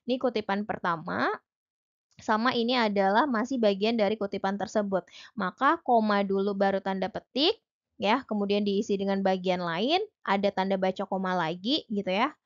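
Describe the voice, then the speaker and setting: A woman's voice: mid-range voice, normal speed, lo-fi sound. A young woman tutor giving an exam-prep lesson, explaining each point step by step in a chatty way with many fillers.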